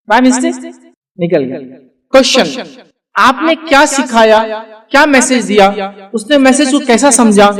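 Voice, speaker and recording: A man's voice: sits high, recorded from a distance. A man giving an earnest parenting talk to an audience, often putting questions to the listeners. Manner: earnest, asks the audience questions, mixes in English words. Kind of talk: speech to an audience.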